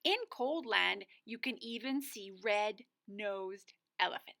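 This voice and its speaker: A woman's voice: medium pitch, slow pace, gravelly, bright, forceful tone. A woman co-reading a storybook aloud as a guest narrator for young children.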